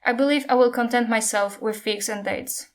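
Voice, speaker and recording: A woman's voice: on the high side, normal speed, natural voice. A woman reading as a stern young queen. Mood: firm.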